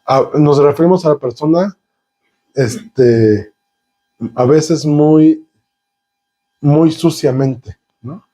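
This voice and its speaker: A man's voice: a little high, drawn-out words, long pauses, dark tone. A man preaching a sermon, piling up synonyms and rhetorical questions and drawing the congregation in. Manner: talks with the congregation, asking them questions.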